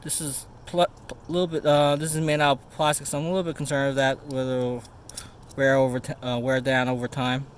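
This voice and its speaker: A man giving a casual product review in a halting, informal way, stumbling over words now and then. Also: medium pitch, little pitch movement. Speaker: gear reviewer. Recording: noisy raw camera-mic audio with ambience.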